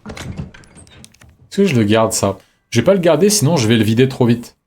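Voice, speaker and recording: Guy streaming a game, chill and chatty, thinking out loud to viewers. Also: medium pitch, moderate pace, a little hiss or hum. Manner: relaxed, reflective, thinks aloud. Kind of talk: live gameplay commentary, chatting with viewers.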